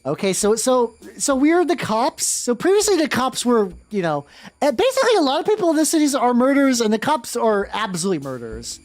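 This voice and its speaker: Excitable woman streamer with lively pitch. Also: fast. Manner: excitable, sweary exclamations. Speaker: game streamer. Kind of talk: live game commentary with reading aloud.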